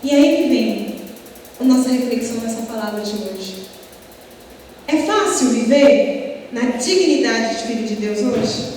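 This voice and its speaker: Woman preacher, high voice, impassioned sermon, distant mic in a booming hall with faint noise. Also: a little mellow. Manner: impassioned preaching with rhetorical questions. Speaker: preacher at a prayer group.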